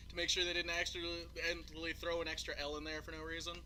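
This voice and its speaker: A man talks as a guest on a casual live-streamed chat, making fun of himself in a light, joking way. His voice sits high and sounds very bright and cutting. His delivery stays playful throughout. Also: monotone, fast, slight background noise. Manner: joking, self-mocking.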